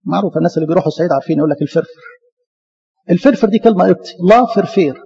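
A man with an Egyptian Arabic accent giving a lively church lecture, talking to his listeners as his beloved. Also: high-pitched, rapid-fire, creaky, husky, in a large hall, muffled recording. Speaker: Coptic church speaker.

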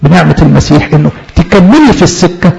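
A man's voice: on the high side, expressive, fast, vocal fry, darkish tone, poor audio. A man with an Egyptian accent preaching a sermon on scripture, asking rhetorical questions and speaking in the voice of the soul. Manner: rhetorical questions, voices the soul's own words.

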